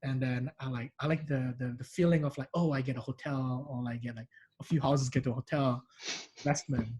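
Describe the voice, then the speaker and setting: A man's voice: mid-range voice, fairly even intonation, brisk, darkish tone, a little hiss or hum, poor audio. A man from Indonesia with a mixed Singaporean and Indonesian accent, chatting animatedly as an interview guest with many restarts. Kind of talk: casual interview chat.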